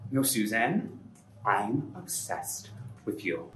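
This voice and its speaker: A man's voice: on the low side, expressive, slow pace, echoey room, distant mic, over loud music, rough recording. An actor playing a flamboyant, out-of-breath male spin-class instructor with hype-man energy. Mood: hyped.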